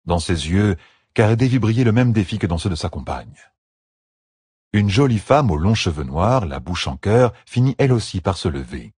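A man narrating an audiobook in a steady, expressive reading. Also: low-pitched, normal speed, husky, no room sound, studio quality.

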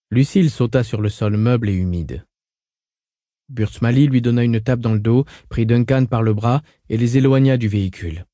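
A man reads a science-fiction novel aloud in a steady, measured way. His voice sits low and very dark. It is recorded close and dry, with no room sound. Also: no echo. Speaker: audiobook narrator. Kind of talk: scripted narration of a novel.

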